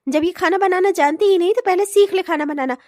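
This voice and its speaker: A woman's voice: very high voice, brisk, warm tone, dry recording, clean studio sound. A woman voicing a bratty teenage sister-in-law in a comic cartoon, teasing and sarcastic with frequent giggles. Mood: taunting.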